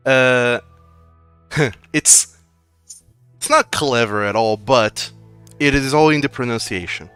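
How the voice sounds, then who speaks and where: A man's voice: mid-range voice, slow pace, pauses often, sharp tone, clear, resonant tone, no echo, faint music behind. A man running a tabletop game as game master, giving dry, teasing hints to his players.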